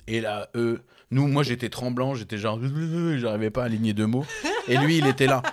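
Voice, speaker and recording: A young man spins an animated story for a friend in loose, slangy casual chat. He laughs often as he talks. His voice sits at a middling pitch. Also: brisk.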